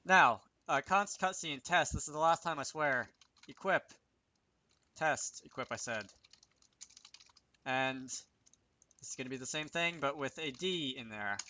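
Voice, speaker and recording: A game programming tutorial host talks a little slowly with long pauses in a sharp-toned voice on the high side. Sitting close to a desk mic that picks up a little hiss or hum, he keeps the session casual, thinking aloud, muttering, and correcting himself.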